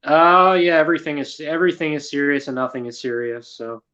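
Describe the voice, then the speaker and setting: A man chatting as a guest on a live stream, making dry, deadpan jokes. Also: fairly high pitch, brisk, highs cut off. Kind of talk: casual live stream chat.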